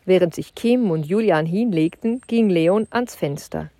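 A woman narrating a children's adventure audiobook with clear, even storytelling. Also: on the low side, a little slow, no room sound.

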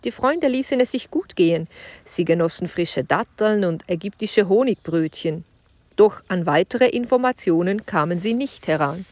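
A woman's voice: lowish voice, expressive, normal speed, a little mellow, dry recording. Woman reading a children's audiobook. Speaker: narrator. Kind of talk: audiobook narration of a children's adventure story.

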